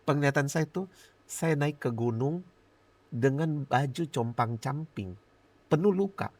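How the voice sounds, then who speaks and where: A middle-aged male pastor giving a lively personal testimony in a podcast interview, laughing often and acting out his own prayers. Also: on the high side, a little slow, no room sound.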